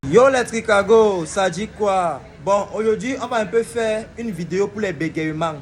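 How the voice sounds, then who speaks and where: A man's voice: high voice, normal speed, background noise. Playful man acting out comic stutters. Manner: playful, acts out examples with stuttering. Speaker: comedy video host. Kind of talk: casual comic explainer.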